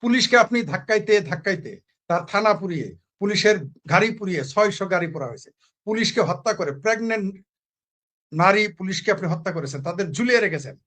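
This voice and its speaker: A man's voice: sits high, lively intonation, a little fast, fairly bright tone. A man from Bangladesh speaking as a political commentator in a heated talk-show argument, full of rhetorical questions and repeated phrases.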